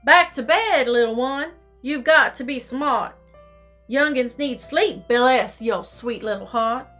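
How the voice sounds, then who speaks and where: A woman's voice: high-pitched, takes it slowly, a bit bright, faint music behind. A woman voicing a jolly, kindly old Santa with a folksy Southern drawl in a children's storybook. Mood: gently scolding. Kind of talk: children's storybook character reading.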